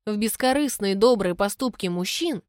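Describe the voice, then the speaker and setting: A woman narrating a first-person novel as an audiobook, expressive and dropping quiet for inner thoughts. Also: mid-range voice, normal speed, dry recording, studio quality.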